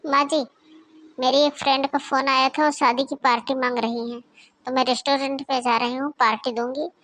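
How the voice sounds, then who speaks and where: A woman's voice: high-pitched, level tone, normal speed, fairly bright tone. A woman voicing a lazy, defiant young daughter-in-law in a cartoon, with offhand, cheeky replies. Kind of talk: cartoon voice acting.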